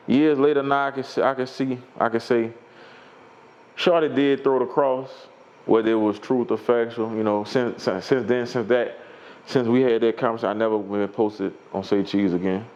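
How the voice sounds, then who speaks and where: A man with a Louisiana accent, a rapper telling a story in a casual interview, animated and given to acting out quotes in a high voice. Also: normal speed, muffled recording. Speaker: rapper guest.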